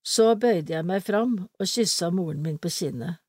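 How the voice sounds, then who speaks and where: A woman reading a story aloud in a calm, measured way. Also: lowish voice, slightly rough, dry recording, clean studio sound.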